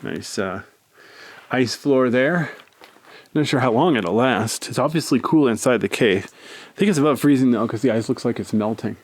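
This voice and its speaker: A man's voice: mid-range voice, expressive, moderate pace. A man giving a casual, rambling tour commentary in a laid-back manner, filming himself exploring inside a cave. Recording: clear background noise, handheld cave recording.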